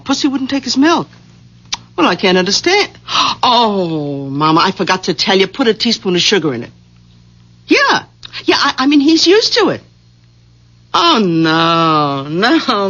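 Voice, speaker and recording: An actress playing a domineering, nagging middle-aged wife in a 1970s radio drama, scolding and whiny. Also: female voice, mid-range voice, sing-song, moderate pace, a bit bright. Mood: chatty. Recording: dull vintage radio recording.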